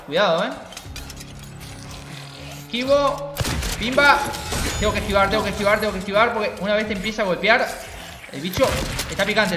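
Excitable high-voiced gamer guy. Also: echoey room. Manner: excitable, jokey, swears, talks to the monster. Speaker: gaming channel host. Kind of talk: let's play commentary.

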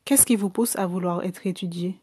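A woman's voice: on the low side, warm tone, slightly rough, no room sound, clean studio sound. A woman reading a curt young male intern. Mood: questioning. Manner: brisk, questioning.

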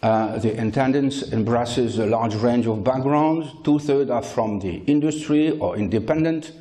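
An older man gives a conference keynote into a handheld mic, speaking in measured phrases with frequent hesitant pauses and blunt opinions. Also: mid-range voice, warm tone. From France. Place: lecture hall.

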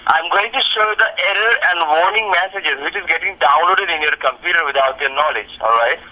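A man at a call center tech support line gives insistent scripted instructions, repeatedly saying sir, in a brisk, fairly high voice. He is heard through a phone speaker recorded by a nearby camera, so the call sounds dull.

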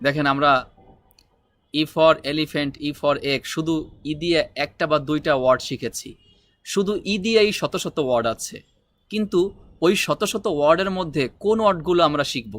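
Man, teacher, bright and forceful tone, dry close sound, drills words slowly with repeats. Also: fairly high pitch, lively intonation, no echo. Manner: repeats each word slowly, then explains briskly. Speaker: English teacher. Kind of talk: vocabulary lesson.

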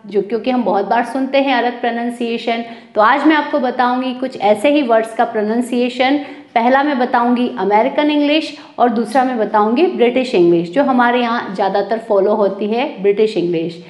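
A woman's voice: a little high, moderate pace, a little mellow. A woman from India with an Indian accent, giving a spoken English pronunciation lesson and carefully spelling out words letter by letter. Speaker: English teacher. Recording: echoey room.

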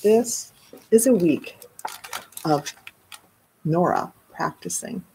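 A woman's voice: on the low side, lively intonation, slow, creaky, background noise. A middle-aged woman, a children's librarian, reading a picture book aloud in a live story time and adding explanatory asides.

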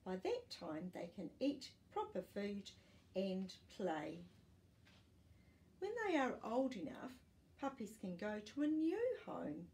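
Her pitch swoops wildly around a medium center, and her slow delivery carries a darkish tone. This sixties-aged storytime host is reading a children's fact book, keeping things careful and simple for little ones. A camera captures her from a short distance in a small living room.

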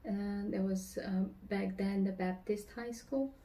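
A woman in her thirties from Romania, telling her personal faith story in an earnest, slightly halting way, seated at a table at home. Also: mid-range voice, steady tone, mellow, poor audio. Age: 30s. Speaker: church member giving testimony. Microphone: camera across the table.

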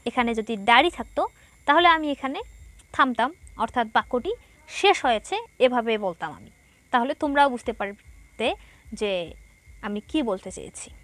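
A woman's voice: on the high side, expressive, normal speed, pauses often, fairly bright tone, no room sound. A woman teacher with a Bangladeshi Bengali accent, giving a patient, explanatory lesson to schoolchildren and reading passages aloud.

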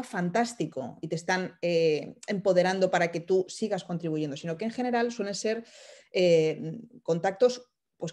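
Woman, thirties, lower warm voice, hesitant explainer on a video call. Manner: thoughtful, many hesitations and restarts. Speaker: speaker at an online workshop. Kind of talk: informal explanatory talk. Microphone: video call, laptop camera close up.

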